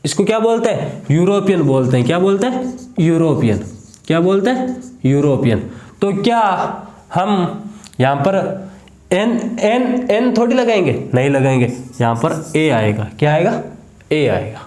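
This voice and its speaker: High-voiced Hindi-accented man teaching grammar. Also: very animated, measured pace, darkish tone, echoey room. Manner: repeats each answer as a question. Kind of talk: classroom grammar lesson.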